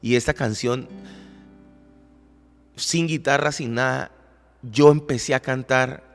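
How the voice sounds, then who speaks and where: A man's voice: mid-range voice, fairly even intonation, slow pace, gravelly, big-room sound, soft background music. Earnest man telling his testimony. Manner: earnest, emotional, repeats and restarts words. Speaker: podcast co-host, worship leader. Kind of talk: personal testimony storytelling. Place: recording studio.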